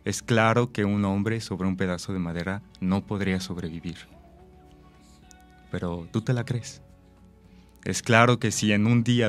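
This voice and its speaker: A man, an actor and director, explaining his ideas thoughtfully with examples and rhetorical questions. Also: on the low side. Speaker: actor and director, interview guest. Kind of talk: reflective interview talk.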